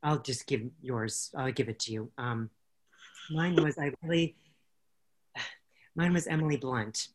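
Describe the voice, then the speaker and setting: A woman's voice: extremely low pitch, a little slow, pauses often. A woman co-hosting a casual podcast chat, talking in a rambling way with many restarts and easy laughs. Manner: rambling, self-correcting, laughs easily. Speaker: podcast co-host.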